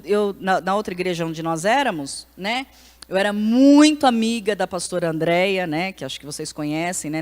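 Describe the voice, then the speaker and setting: Frank Brazilian woman pastor, reverberant hall. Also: on the high side. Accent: Brazilian Portuguese. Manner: conversational, frank, repeats "né?" and restarts often. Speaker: pastor teaching a ministry class. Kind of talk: informal church teaching with audience questions. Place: church hall with a live audience. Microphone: handheld microphone. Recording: long church-hall reverb.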